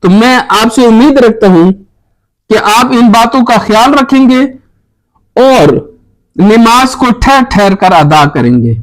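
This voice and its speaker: A man acting as spiritual teacher, giving a religious talk and earnestly urging his listeners in slow, emphatic phrases. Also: very high-pitched, animated, poor audio.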